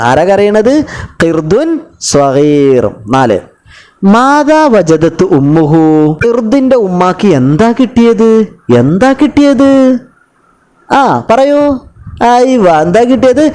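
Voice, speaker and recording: A man with a Kerala Malayalam accent teaching young children an online Arabic class from home, repeating words slowly for his pupils. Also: a little high, darkish tone, poor audio. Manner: slow, drawn-out repetition of words for young pupils.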